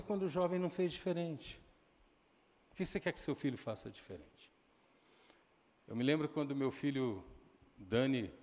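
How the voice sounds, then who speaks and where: A middle-aged man with a Brazilian accent preaching a sermon in a church, telling stories conversationally with quick asides to the congregation. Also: mid-range voice, darkish tone. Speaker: pastor. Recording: long hall reverb.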